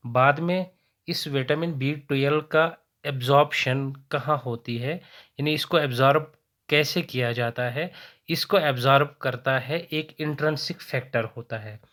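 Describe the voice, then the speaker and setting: Bright-voiced male biology teacher. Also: mid-range voice. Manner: explanatory, mixes English terms and phrases into Hindi; repeats key terms, self-corrects. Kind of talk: exam-prep biology lecture.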